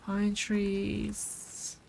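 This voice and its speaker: Gravelly and a little mellow, her mid-range voice is completely flat and very slow, captured in a low-quality recording with some hiss or hum. She's a gameplay streamer with a cold, loosely chatting to viewers over a farming game and faint game music.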